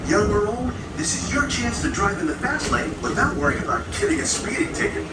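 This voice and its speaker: A man narrates a theme park ride in an upbeat, scripted promotional style. His very high, animated voice rings from distant, heavily echoing speakers over loud music. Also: brisk. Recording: echoey ride loudspeakers, far off, loud music.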